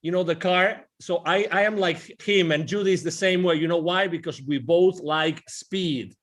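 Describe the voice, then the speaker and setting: A man's voice: high-pitched, moderate pace, fairly bright tone. A man co-hosting a casual interview, rambling and enthusiastic, often repeating words. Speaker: podcast co-host.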